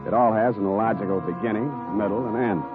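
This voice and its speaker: An actor playing a wisecracking, world-weary private detective in a vintage radio drama, with wry, sardonic delivery. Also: male voice, fairly low pitch, fast, over music, natural voice. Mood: dry narrating. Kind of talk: 1940s radio acting. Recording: tinny vintage radio broadcast.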